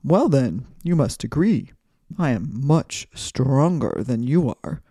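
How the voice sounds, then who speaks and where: A woman's voice: a bass voice, animated, slow, mellow, slightly rough, dry recording, full character voice. A woman voicing a proud, boastful wind that brags and insists on being the strongest in a children's story. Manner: bragging, insistent.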